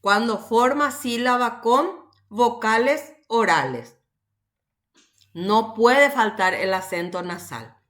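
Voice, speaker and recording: A woman teacher, explaining grammar rules slowly and patiently in a recorded online class, often checking in with her students. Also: on the high side, lively intonation, fairly bright tone.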